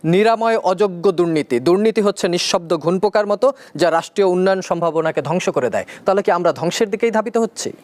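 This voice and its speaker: A male talk show host with a high voice and a very fast pace. He puts one question after another to his guest. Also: expressive, darkish tone. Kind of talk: interview questions.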